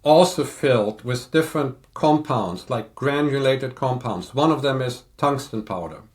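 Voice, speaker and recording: An older man in a casual podcast chat, explaining audio equipment in a measured, technical way. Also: mid-range voice, a little mellow. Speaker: audio reviewer guest.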